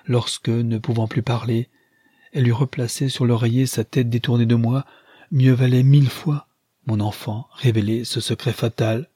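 A man voicing a gentle, sorrowful old man in an audiobook reading. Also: medium pitch, fairly even intonation, slightly rough, no echo, natural voice. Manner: sorrowful, measured.

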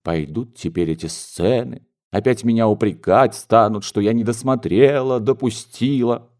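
Audiobook figure: male narrator reads an anxious, stammering general's wife in a low, mellow tone. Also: moderate pace, close to an everyday voice. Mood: flustered. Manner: fretful, hesitant, flustered. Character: flustered middle-aged mother, a general's wife.

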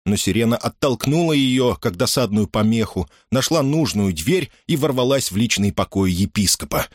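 A man reading an audiobook aloud in an expressive, dramatic style. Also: medium pitch, no room sound, studio quality. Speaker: audiobook narrator. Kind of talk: scripted audiobook narration.

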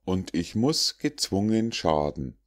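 A man's voice: low-pitched, big pitch swings, slow pace, exaggerated voice. A man voicing a female wasp from a storybook fable who begs for mercy after stinging a boy and excuses herself. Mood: pleading. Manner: begging, self-excusing.

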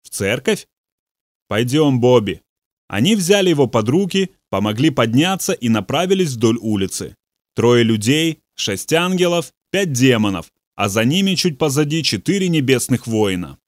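Brief: measured male narrator, dry studio read. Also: mid-range voice, dry recording. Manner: measured, steady storytelling. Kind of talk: audiobook reading.

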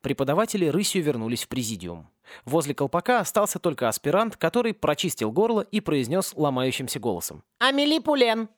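A man's voice: on the high side, big pitch swings, fast talker, dry recording, clean studio sound. Man reading a comic fantasy audiobook. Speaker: audiobook reader. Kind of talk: narrating a satirical fantasy audiobook.

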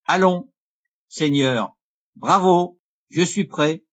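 A man's voice: on the high side, extremely slow, voice pushed up. A man voicing a proud disguised marquis. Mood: haughty. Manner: haughty, challenging.

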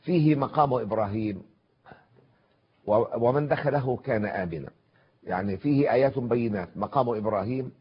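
An older man giving a formal televised religious lecture, reciting verses in a measured way and pausing with drawn-out fillers. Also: medium pitch, breathy edge. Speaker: scholar giving a televised Quran commentary. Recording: dull lo-fi broadcast audio.

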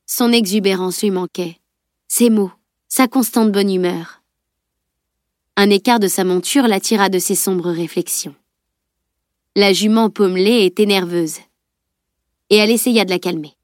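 A woman narrating an audiobook novel with a steady, even reading. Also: mid-range voice, a little slow, pauses often, no room sound, studio quality. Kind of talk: scripted narration.

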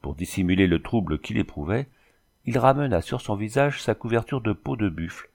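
A man reads a classic novel aloud with a measured, even storytelling manner. His voice sits on the low side. The reading is calm and unhurried. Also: creaky. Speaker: audiobook narrator. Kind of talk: scripted narration.

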